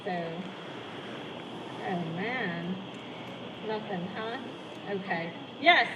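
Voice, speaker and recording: A woman's voice: mid-range voice, very slow. A choreographer and director, a woman, hosting a casual post-show Q&A outdoors, chatty and rambling and often cutting herself off. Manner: chatty, rambling, self-interrupting. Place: outdoor performance space. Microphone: handheld mic held away from mouth. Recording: distant echoey outdoor sound with loud traffic noise.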